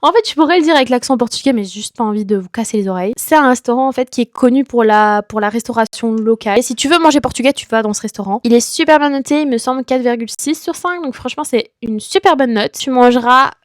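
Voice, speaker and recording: A woman's voice: fairly high pitch, quick pace, hardly any pauses, no room sound. A young woman giving casual, enthusiastic travel tips straight to the viewer. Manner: chatty, enthusiastic, addresses viewer as tu. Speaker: travel vlogger.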